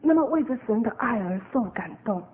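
A woman tells her testimony in an earnest, animated preaching style, her voice sitting a little high. The sound is narrow and phone-like. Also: a little fast. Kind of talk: sermon testimony.

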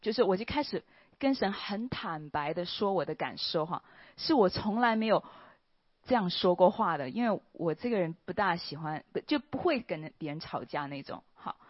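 A woman giving an earnest personal testimony at church, speaking with soft pauses and a trailing "ha" particle. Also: medium pitch, animated, husky, no echo. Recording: dull, slightly lo-fi, dry recording.

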